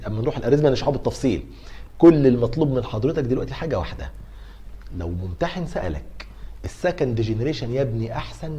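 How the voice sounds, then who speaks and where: A middle-aged Egyptian man with a mellow, mid-range voice gives a university pharmacology lecture. He poses questions and answers them himself to coax his students along, speaking with an Egyptian Arabic accent.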